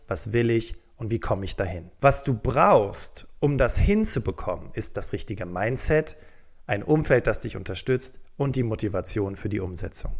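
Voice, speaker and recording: A man hosting a solo career-advice podcast, speaking straight to the listener and checking in with a quick "okay?". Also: medium pitch. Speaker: podcast host.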